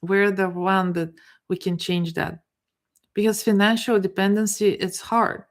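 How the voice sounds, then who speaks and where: A middle-aged woman with a Bulgarian accent uses a mid-range voice and flat delivery in a live coaching talk. The speech is halting and unscripted, full of restarts and repeated words as she looks for the right term.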